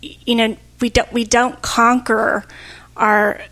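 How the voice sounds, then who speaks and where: A woman's voice: on the high side, little pitch movement, takes it slowly, a bit bright. Thoughtful woman in reflective chat. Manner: thoughtful, searching, frequent fillers and "kind of". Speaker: podcast co-host.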